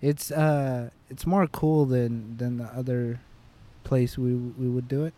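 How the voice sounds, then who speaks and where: Mellow-voiced young man, laid-back. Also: mid-range voice, steady tone, takes it slowly. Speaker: podcast co-host. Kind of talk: casual chat.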